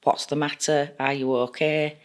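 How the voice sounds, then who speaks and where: A woman's voice: low voice, flat delivery, normal speed. A woman, a nurse team leader telling stories in a chatty, homely way in a podcast interview.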